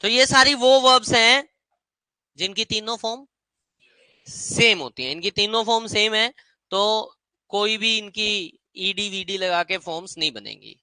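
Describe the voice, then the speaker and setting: A man teaching English grammar in a lively classroom lecture, repeating words as drills and slowing right down on English phrases. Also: sits high, smooth, dry recording, low-quality recording.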